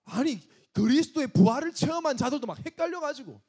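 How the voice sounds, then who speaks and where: A man's voice: very high-pitched, animated, fast, darkish tone. A man preaching an emphatic sermon to young adults as pastor, scolding and asking rhetorical questions.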